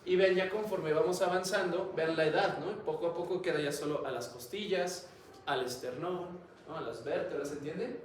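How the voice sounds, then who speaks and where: A man's voice: fairly high pitch, normal speed. A man giving a classroom lecture, chatty and always asking the students questions. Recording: echoey classroom, mic far off, noisy.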